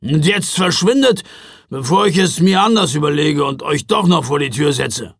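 A man doing Knecht Ruprecht, gruff shaggy old man. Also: a little high, lively intonation, normal speed, no room sound, studio quality. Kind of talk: audiobook character voice.

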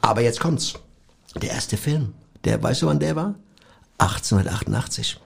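Gravelly, husky man rambling fast. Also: mid-range voice, animated. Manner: rambling, digressive storytelling. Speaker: podcast co-host. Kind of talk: joking banter.

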